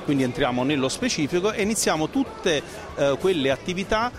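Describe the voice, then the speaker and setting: Speaking fairly quickly in an animated, fairly high-pitched voice, a middle-aged man explains a business as an interview guest. He's a franchise consultant holding a handheld mic at an indoor trade fair stand, with music playing in the background.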